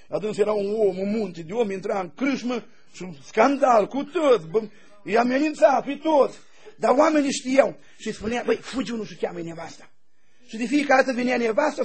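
A man, a pastor, preaching a sermon in a folksy, animated storytelling way with laughing asides. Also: very high-pitched. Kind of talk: sermon with anecdotes.

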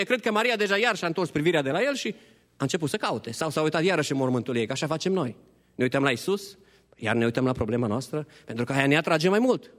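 A man preaching an Easter sermon as a pastor, passionate, shifting between hushed appeals and high pleading. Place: church hall. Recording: long church hall reverb.

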